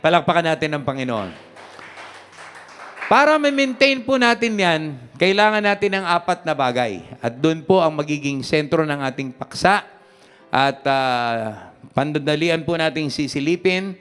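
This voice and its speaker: A man's voice: a little high, animated, moderate pace, fairly bright tone, clear, resonant tone, in a large hall. A man preaching a sermon as pastor, mixing Tagalog and English and leading the congregation in call-and-response. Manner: switches between Tagalog and English. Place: church.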